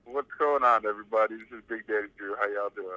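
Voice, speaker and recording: A man's voice comes through a phone on speakerphone, muffled and thin. He sits low in pitch but sounds bright and forceful. He talks in a laid-back way and swears freely. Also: fairly even intonation, fast, no echo. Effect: heard over a phone on speakerphone. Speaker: caller. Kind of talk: casual chat.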